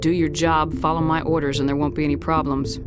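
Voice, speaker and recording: A woman's voice: deep voice, flat delivery, fairly quick, music in the background, lightly acted. An actress playing a stern female military commander in a video game. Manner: curt, commanding. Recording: game audio with score.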